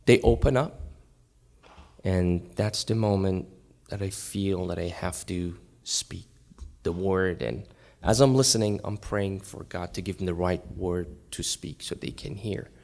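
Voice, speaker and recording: A middle-aged man from Iran sharing his faith testimony at a church men's breakfast, earnest and acting out scenes in loud bursts. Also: low voice, unhurried, creaky. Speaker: guest speaker at a men's breakfast. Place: church gathering.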